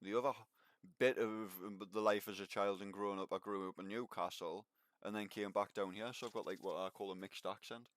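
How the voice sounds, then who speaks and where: A talkative, laid-back game streamer from Northumberland, England, chats casually and swears freely while playing online, his accent a mix of Northumbrian and Geordie. His voice sits on the low side, fairly bright, with fairly even intonation and a fairly quick pace. The recording is dry.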